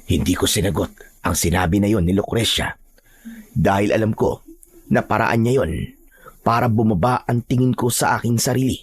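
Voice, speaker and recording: Dude narrating a scary first person story, husky voice, dry close sound. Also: male voice, lowish voice, a little mellow, dry recording.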